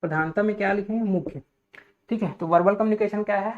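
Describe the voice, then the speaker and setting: A man's voice: high voice, fast. A man teaching a class, explaining points step by step, checking in with "okay" after nearly every phrase and putting questions to his students. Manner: repeats "theek hai" constantly, asks students questions. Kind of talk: classroom lecture. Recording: tinny phone-like audio.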